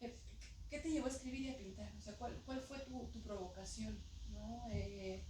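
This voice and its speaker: A woman's voice: a little high, steady tone, moderate pace, mellow. Hesitant woman asking questions in a roomy hall. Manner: hesitant, full of fillers and restarts. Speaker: presenter at a book presentation. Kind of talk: asking questions at a book event. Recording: roomy hall, far from mic, noisy.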